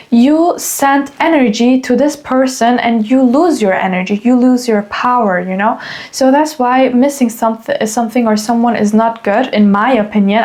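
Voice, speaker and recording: Young female podcast host, rambling solo chat, slightly high voice. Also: a little mellow. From Germany. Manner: rambling, many fillers and restarts. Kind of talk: casual solo podcast monologue.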